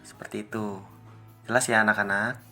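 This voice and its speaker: A young male teacher giving a lesson to children, explaining singing technique step by step and singing short example phrases slowly. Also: on the low side, flat delivery, sharp tone, faint music behind.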